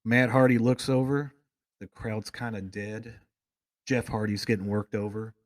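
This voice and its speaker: A man's voice: on the low side, little pitch movement, a little slow, no room sound, clean studio sound. A man hosting a casual talk show, telling rambling, enthusiastic fan stories with plenty of tangents. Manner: rambling storyteller, goes off on tangents. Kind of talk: casual chat.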